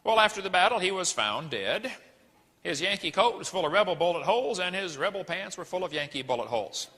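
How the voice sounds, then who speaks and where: A man's voice: high voice, very animated, a little fast, bright, forceful tone, big-room sound. A middle-aged man giving a lecture-style sermon, preachy and folksy, firing off rhetorical questions. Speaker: creationist ministry speaker.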